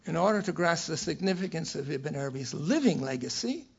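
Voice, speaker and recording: An older man giving a scholarly lecture from a prepared text, in a measured, erudite professorial manner with a raspy voice. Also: a little high, animated, muffled recording. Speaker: academic lecturer.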